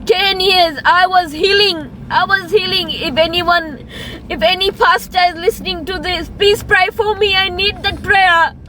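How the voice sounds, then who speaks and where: A woman's voice: extremely high pitch, steady tone, unhurried, pushed and bright, rough recording. A woman in her thirties speaking into her phone in a raw, pleading confessional monologue, repeating phrases for emphasis and slipping into Hindi. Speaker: vlogger.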